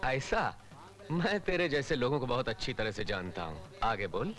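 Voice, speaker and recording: An actor dubbing a cocky young police officer who talks in a wry, theatrical way. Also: male voice, medium pitch, lively intonation, normal speed, fairly bright tone, natural voice. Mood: stern. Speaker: hero in a dubbed film. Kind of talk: Hindi film dubbing.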